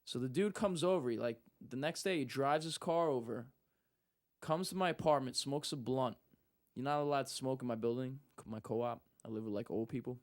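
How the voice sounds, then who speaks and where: A man's voice: medium pitch, moderate pace. A young man telling a story in casual talk, acting out what people said. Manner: animated, acts out quotes. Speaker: guest.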